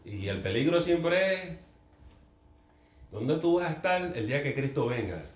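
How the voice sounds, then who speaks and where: A man with a fairly high voice and wide pitch swings speaks at a measured pace, leading a Bible study in a church meeting room. His teaching style is conversational and earnest; he poses questions to the group and mixes English words into his speech. The recording is echoey with faint room ambience.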